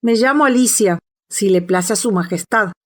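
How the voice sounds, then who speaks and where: A polite young storybook girl with a clear, decided way of speaking, voiced by a woman reading aloud. She stays courteous but does not back down. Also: medium pitch, normal speed, lightly acted. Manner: polite, then firm and decided.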